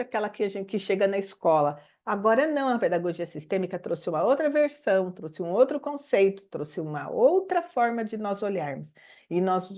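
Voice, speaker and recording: A Brazilian woman teacher speaking straight to her listeners in an informal talk. She asks one rhetorical question after another, often closing with a quick "né?", and laughs now and then as she goes on. Her voice sits at an ordinary middle pitch. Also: a little mellow. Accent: Brazilian Portuguese. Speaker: teacher and systemic pedagogy mentor.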